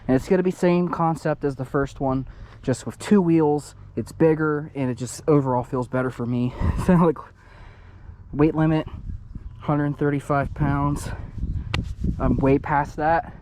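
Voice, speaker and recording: A man's voice: a little high, steady tone, measured pace, a little mellow. A young man vlogging outdoors in a casual, chatty and upbeat way, a bit out of breath. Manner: upbeat, chatty, laughs often. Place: outdoors on pavement. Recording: outdoor noise behind.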